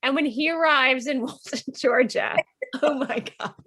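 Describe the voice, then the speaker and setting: A woman's voice: sits high, moderate pace, fairly bright tone. A woman interviewing a friend on a video call, chatty and gushing, laughing often. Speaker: interviewer and co-author. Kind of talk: casual chat on a video call.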